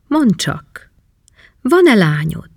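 A man's voice: sits high, sing-song, no echo, studio quality, voice pushed up, exaggerated voice. A man doing a gaunt cursed sea wanderer. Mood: solemn. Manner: slow, brooding murmur.

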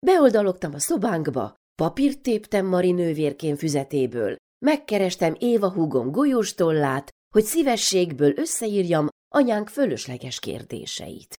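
A woman reading a first-person story aloud as narrator, with a wry, deadpan telling. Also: fairly low pitch, hardly any pauses.

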